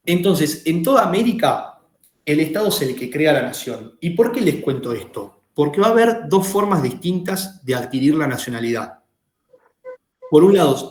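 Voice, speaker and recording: Argentine guy teaching law class, kinda high voice, keeps asking students if they get it, echoey room. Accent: Argentine Rioplatense. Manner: explanatory, asks the class questions. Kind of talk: lecturing a class.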